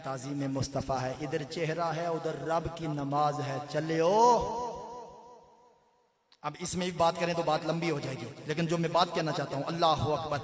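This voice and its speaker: A man with a Punjabi accent preaching a sermon, moving from soft storytelling to loud sung cries. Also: on the high side, steady tone, hardly any pauses. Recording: echoey hall with crowd behind.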